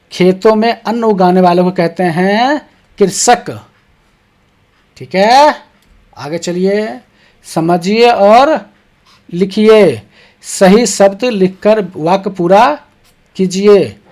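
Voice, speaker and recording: A teacher's slightly mellow, medium-pitched voice guides young schoolchildren through textbook exercises, deliberately slow and easy. Questions are read aloud first and then answered step by step, with frequent "ठीक है" check-ins keeping the lesson going.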